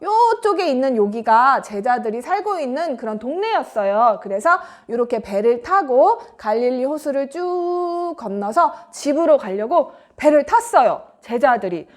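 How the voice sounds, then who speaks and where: A woman telling a Bible story to children in an animated, expressive way, often asking them questions. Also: high-pitched, moderate pace, few pauses. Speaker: children's ministry teacher.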